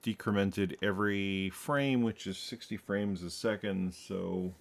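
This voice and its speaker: A programmer narrates his work as he codes on stream, his voice sitting low and creaky with fairly even intonation and a measured pace. He muses aloud, throws in wry asides and self-corrects frequently, while faint typing sounds in the background.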